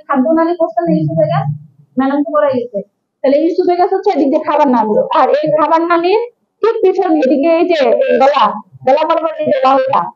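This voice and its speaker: A young woman with a Bangladeshi Bengali accent teaches a medical class, explaining patiently, asking questions and repeating key terms. Her voice sits high, and the recording is muffled.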